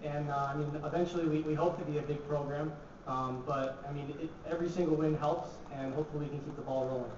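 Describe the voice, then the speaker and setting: A young college hockey player sits at a press conference table, answering reporters casually and using many fillers. He's a fast talker with a fairly high pitch and steady tone. Captured from a distance on a table mic in a large, echoey press room, the audio is echoey, distant, dull and noisy.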